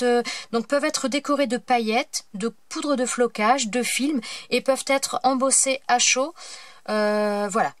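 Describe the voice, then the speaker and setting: A woman from France chatting casually in a haul video, hesitant and full of fillers as she shows her craft purchases. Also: on the high side. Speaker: craft vlogger.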